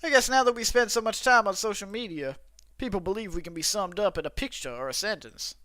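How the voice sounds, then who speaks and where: A man's voice: high-pitched, animated, quick pace, bright, forceful tone, no room sound, voice pushed up. A young man voicing a thoughtful male cafe customer from a game in a cowboy drawl, musing as he reads the lines aloud. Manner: reflective, musing. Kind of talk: reading game dialogue aloud.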